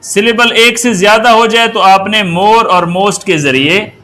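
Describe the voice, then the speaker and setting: Man, English grammar lesson, high-pitched, rhetorical questions to the class. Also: pushed and bright. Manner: slow and deliberate, asks the class rhetorical questions and spells words out.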